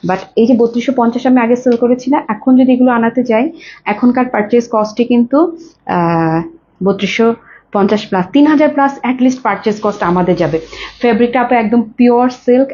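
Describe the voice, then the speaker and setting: Hoarse woman selling saris live. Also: fairly high pitch, mellow. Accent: Bangladeshi Bengali. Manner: effusive, mixes English phrases. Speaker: live-stream saree seller. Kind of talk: live sales pitch. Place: clothing showroom. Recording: dull lo-fi live stream with faint noise.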